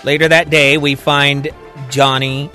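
A man narrating a story in a slow, even storytelling manner. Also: fairly high pitch, soft background music. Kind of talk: scripted narration.

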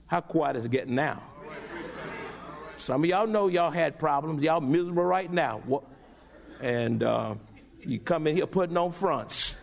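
A middle-aged male pastor preaching a sermon with animated call-and-response to his congregation. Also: on the high side.

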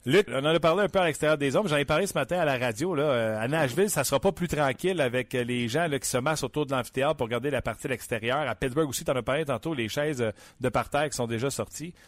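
A man's voice: medium pitch, quick pace, hardly any pauses, no echo. A man with a Quebec French accent hosting a sports radio show, asking questions with fillers and stammers. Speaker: radio host.

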